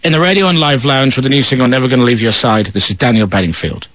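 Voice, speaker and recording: A man's voice: medium pitch, fast. A man hosting a radio show, chatting and joking with his guest. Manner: jokey, teasing banter. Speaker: radio host. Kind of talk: casual radio chat. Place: radio studio.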